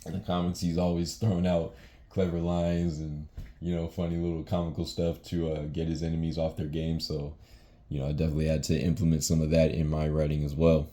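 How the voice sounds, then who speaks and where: A man's voice: very deep voice, level tone, fairly quick, mellow. A young man casually explaining his own rap lyrics, laid-back and full of fillers like um and you know.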